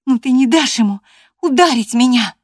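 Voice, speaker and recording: A woman reading aloud, voicing a bold, stubborn young woman who shouts high and loud. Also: steady tone, a little fast, no echo, clean studio sound. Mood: defiant.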